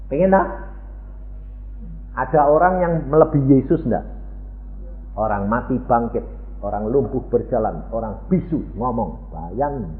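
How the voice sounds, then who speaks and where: A man around eighty with a Javanese accent preaching a sermon, teasing his congregation with rhetorical questions. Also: medium pitch. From Central Java, Indonesia. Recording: tinny phone-like sound in an echoey hall.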